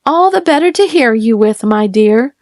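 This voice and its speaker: Woman doing a shrill sly storybook wolf. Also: lively intonation, moderate pace, a little mellow, no echo, clean studio sound, close to an everyday voice. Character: sly male wolf faking a granny voice.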